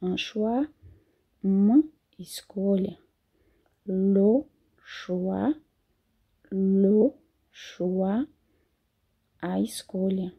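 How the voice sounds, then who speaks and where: A Portuguese-speaking woman teaching French pronunciation, saying each word slowly and then translating it. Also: medium pitch, gravelly, breathy edge. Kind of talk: slow phonetics lesson. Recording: dull lo-fi sound.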